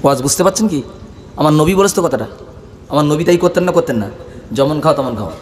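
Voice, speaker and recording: A hoarse male preacher giving a sermon, telling stories and breaking into melodic chant. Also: on the high side, animated, fast, long reverb tail. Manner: storytelling, voices quoted people, breaks into melodic chant. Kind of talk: Islamic sermon with chanted Arabic. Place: stage at a large religious gathering.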